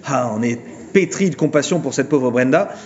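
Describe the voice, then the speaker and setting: A man giving an informal philosophy lecture, retelling a film plot with mocking, animated storytelling. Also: mid-range voice, moderate pace, highs cut off.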